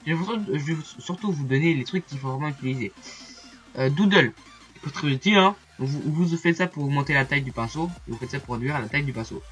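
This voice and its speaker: Bright-voiced chatty man giving a tutorial. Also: on the high side, fast. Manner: chatty, hesitant, many fillers and asides. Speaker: YouTuber explaining software. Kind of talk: casual screen-recorded tutorial.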